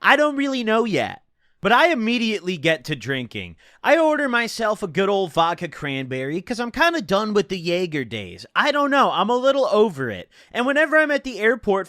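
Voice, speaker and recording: A young man telling a casual personal story in laid-back stoner slang, swearing freely and punching his words with animated emphasis. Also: high voice, no room sound, clean studio sound.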